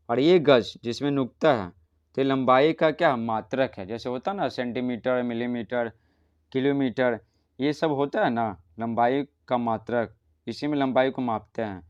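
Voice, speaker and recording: A man's voice: medium pitch, clean tone, no echo, lo-fi sound. A man teaching a primary school language lesson, patiently asking questions and answering them himself. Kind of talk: explaining a school textbook lesson.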